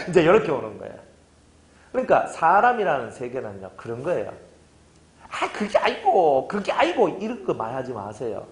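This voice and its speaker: A pastor giving a casual sermon, telling stories and acting out both sides of conversations. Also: male voice, medium pitch. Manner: lively storytelling preacher, acts out dialogue.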